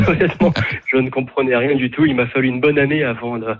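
A man's voice: mid-range voice, brisk, dry recording. A French man calling in to a radio show, talking hesitantly with many fillers and restarts. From France. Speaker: caller. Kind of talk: casual phone chat. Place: home in Scotland. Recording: tinny phone line.

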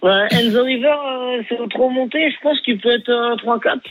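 A man calling in as a radio guest, giving brief, relaxed answers over a muffled phone line. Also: extremely high pitch, moderate pace. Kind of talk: casual radio phone interview.

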